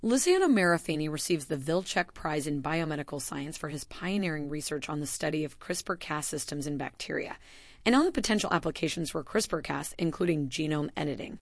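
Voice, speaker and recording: A woman narrating a scripted announcement as a voice-over, in a measured, formal delivery that slows down to stress names. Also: sits low, animated, dry recording, studio quality.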